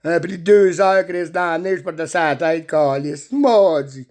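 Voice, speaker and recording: A man's voice: on the high side, measured pace, darkish tone, natural voice. A man playing a crude, swearing middle-aged farmer with a Quebec French accent in a comedy sketch. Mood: rowdy. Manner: swearing, rowdy, rambling.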